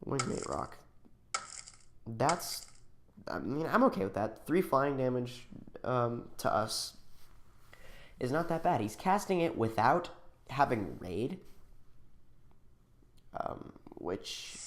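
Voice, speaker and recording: A channel host talks casually through his own card game turn by turn, thinking aloud with ums and restarts. He is getting over a cold and sounds a little sniffly. His mid-range voice is very animated, at a slow pace with long pauses, and there is a little hiss or hum.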